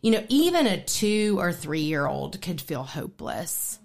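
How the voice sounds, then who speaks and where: A woman on a faith-based radio program, talking casually and excitedly about her ministry with plenty of fillers. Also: on the low side, measured pace. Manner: excited and animated, lots of fillers. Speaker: ministry guest. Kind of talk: casual interview conversation.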